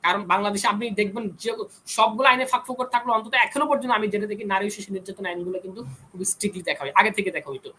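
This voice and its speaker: Talking very fast in a high, bright and forceful voice, a young man argues insistently as a guest in a heated panel debate. He's an engineering student who pushes back when interrupted. The audio is poor, with slight background noise.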